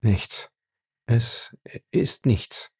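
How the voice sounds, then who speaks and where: A frightened man in a tight spot , voiced by the audiobook's reader, speaks low and subdued. His husky, gravelly tone stays hushed and halting. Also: dry recording, studio quality, full character voice. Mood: shaken. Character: frightened man trapped in a cellar.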